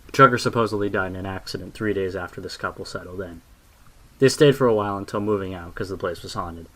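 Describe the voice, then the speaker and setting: A man tells a creepy story in a low, quiet voice, letting the grim details settle. His pitch sits on the deep side, and he keeps a steady storyteller's hush. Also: fast. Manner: low, hushed storytelling with dark asides. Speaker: narrator. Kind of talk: horror story narration.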